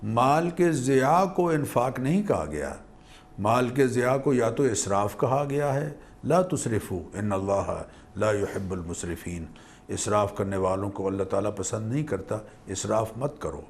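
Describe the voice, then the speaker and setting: Measured scholarly man explaining scripture. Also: lowish voice, slight background noise. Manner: measured, learned, weaves in Arabic quotations. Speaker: religious scholar guest. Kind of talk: religious explanation on TV.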